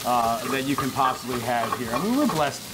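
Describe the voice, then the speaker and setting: On a lapel mic in a restaurant kitchen, a man in his thirties hosts a cooking show, chatting about food with brisk, upbeat, effusive enthusiasm. His medium-pitched voice swings widely in pitch, and the sizzle of frying pans and kitchen noise fill the background.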